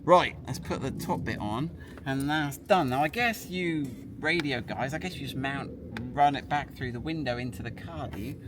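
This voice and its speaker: Speaking at a mid-range pitch and a moderate pace, this product presenter does a casual, hands-on demo. He keeps chatting and thinking out loud as he works, with background noise plainly present.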